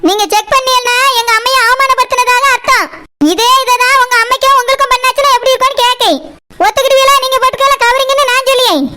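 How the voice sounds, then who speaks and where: A woman's voice: very high voice, steady tone, fast talker. A woman voicing Saroja, an angry young wife defending her mother, speaking in an in a heated, protesting way. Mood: indignant. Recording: loud background noise.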